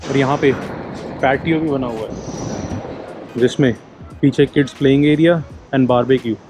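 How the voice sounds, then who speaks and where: A man in his thirties with a medium-pitched voice gives a casual walking tour of a new apartment building's rooms and rooftop, speaking a little slowly. He chats in Hindi mixed with English phrases, filmed on a wide-angle handheld action camera. The empty rooms echo, with music underneath.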